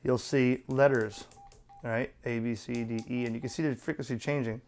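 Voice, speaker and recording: Speaking at a normal speed with fairly even intonation, a man walks through an unscripted product review hands-on, bluntly and colloquially, one step at a time. His medium-pitched voice has a darkish tone, and faint music plays behind him.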